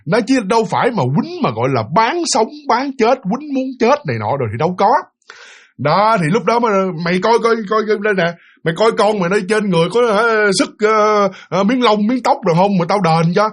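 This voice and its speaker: Brief: male storyteller, Southern Vietnamese accent, casual and talkative, high-pitched and a little husky. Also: expressive, brisk. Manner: chatty, repetitive, addresses listeners directly. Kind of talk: casual spoken ghost-story narration.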